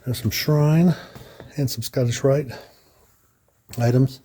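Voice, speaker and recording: A man with a warm, mid-range voice talks slowly, with a little background noise behind him. He's a vlogger giving a casual walking tour through a building's hallways and large rooms, chatting, thinking out loud, restarting sentences, and sounding slightly winded.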